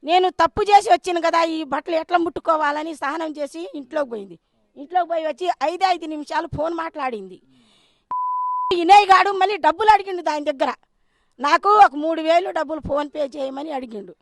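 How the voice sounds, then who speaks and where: A middle-aged woman recounts events to a news reporter in an urgent, vivid way. Her voice sits very high. The sound is dry and close, picked up on a handheld mic. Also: fairly quick, no echo. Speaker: villager eyewitness. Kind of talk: emotional eyewitness account.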